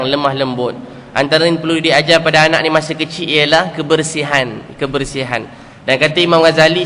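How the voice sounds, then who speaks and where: Preaching to his congregation, this middle-aged Malaysian-accented man uses a fairly high, pushed and bright voice. He relies on earnest stories, repeated key phrases and rhetorical questions. The sound has the echo of a hall, with faint noise in the background.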